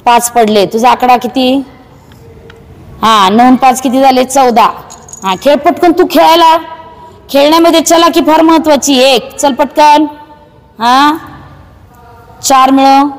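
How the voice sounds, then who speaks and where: High-voiced woman teacher in echoey classroom. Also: fairly even intonation. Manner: brisk, coaxing, hurrying children along. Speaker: primary school teacher. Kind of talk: classroom teaching through a game. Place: school classroom with children.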